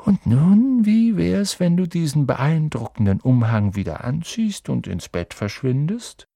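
A man reading as a gentle old wizard headmaster in a storybook. He speaks slowly and softly, sometimes dropping almost to a whisper, with a gravelly, husky edge. The tone stays kindly and wise. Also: fairly high pitch, big pitch swings, no echo, studio quality, voice pushed up, heavily acted. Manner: soft, unhurried, often near a whisper.

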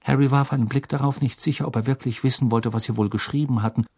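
Male audiobook narrator, mid pitch, husky, animated telling. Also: fast. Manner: expressive storytelling. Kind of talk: scripted narration.

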